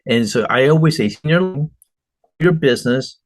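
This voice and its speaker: This middle-aged entrepreneur from Argentina, a guest in an interview, tells earnest stories with emphasis. His mid-range voice is expressive and moves at a normal speed, and there is no room sound around it.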